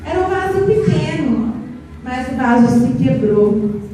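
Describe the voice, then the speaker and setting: A woman telling a story to children at a church, animated, stretching words and asking the children questions. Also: high voice, unhurried, slight background noise. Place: church hall. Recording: echoey church hall, distant mic.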